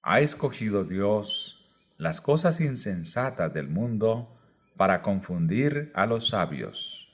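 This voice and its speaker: A man narrating a religious book aloud, reading in slow, measured short phrases. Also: lowish voice, big pitch swings, slightly rough. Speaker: audiobook narrator.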